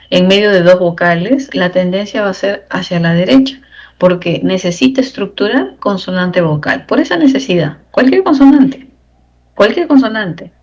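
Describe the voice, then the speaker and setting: A woman lecturing on grammar for exam preparation in a measured teaching voice. She builds each point step by step and keeps asking the class rhetorical check-in questions. The recording sounds a little dull and lo-fi. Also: medium pitch. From Peru. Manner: explains step by step, asks rhetorical tag questions. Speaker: language teacher.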